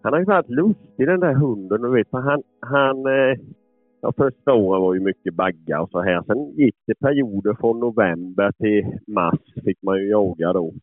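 With faint music behind him, a man who hunts and keeps dogs rambles through casual stories, cursing frequently and laughing to himself. His voice is fairly low, captured in a dry, lo-fi, phone-like recording without echo.

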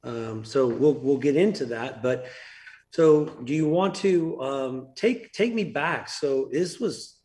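A man hosts a relaxed podcast interview, friendly and loose, circling back through his sentences with plenty of fillers. His voice sits at an ordinary middle pitch for a man. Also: takes it slowly. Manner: friendly, rambling, many fillers and restarts. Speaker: podcast host and business coach. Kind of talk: casual interview.

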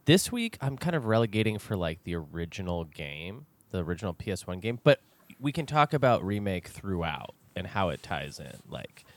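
Lively low-voiced man hosting a podcast. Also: normal speed, dry recording. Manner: chatty, playful, lots of fillers. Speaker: podcast host. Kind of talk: casual comedy podcast chat.

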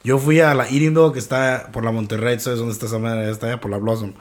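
A man's voice: mid-range voice, fairly even intonation, fast. A man hosting a casual chat, slangy and teasing, laughing often. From grew up in California. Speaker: podcast host.

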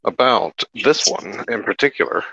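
A man's voice: on the low side, lively intonation, moderate pace, creaky, pushed and bright, husky, dry recording. A man co-hosting a gaming podcast, explaining things at length with many hesitant fillers. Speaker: podcast co-host. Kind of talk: casual podcast chat. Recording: dull lo-fi mic.

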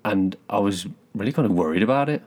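A man's voice: on the low side, animated, fast talker, darkish tone. A man of thirty co-hosting a casual podcast, easygoing and thoughtful, often restarting his sentences. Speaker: podcast co-host.

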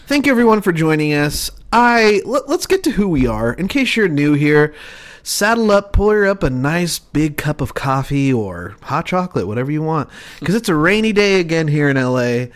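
A man's voice: fairly high pitch, big pitch swings, normal speed. A man co-hosting a comedy podcast in casual chat, goofy and jokey. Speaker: podcast co-host.

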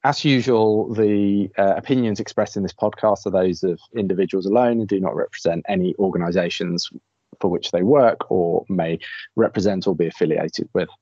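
A man hosting a podcast, briskly introducing the guests and reading a disclaimer. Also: deep voice, warm tone, slightly rough, no echo. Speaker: podcast host. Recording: dry dull lo-fi audio.

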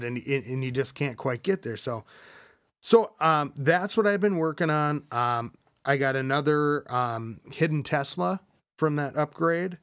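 Male podcast host, casual and rambling, mid-pitch, dry close mic. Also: fairly bright tone, dry recording. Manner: rambling, many fillers and restarts.

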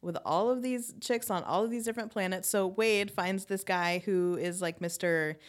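A woman's voice: medium pitch, moderate pace. A woman co-hosting a casual podcast, chatty, swearing and laughing as she retells a show's plot. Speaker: podcast co-host. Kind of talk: casual recap chat.

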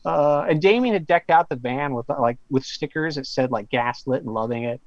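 Rambling storyteller man with a higher voice. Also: lively intonation, a little fast, no room sound. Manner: rambling, with many fillers and stammered restarts. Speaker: guest author; professor. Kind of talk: casual storytelling in a podcast interview. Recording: slightly dull lo-fi audio.

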